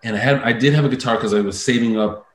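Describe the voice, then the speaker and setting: A man, a voice-over artist and actor, telling stories as a guest in a casual interview, lively and laughing often, full of fillers and restarts. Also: mid-range voice, fast, roomy sound.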